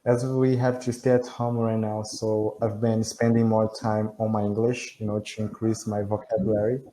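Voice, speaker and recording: A Brazilian language student whose first language is Portuguese chats casually over a video call, careful and halting, often restarting and laughing softly. His dark, lowish voice has a flat delivery and a Brazilian Portuguese accent, and the video call audio is poor with slight background noise.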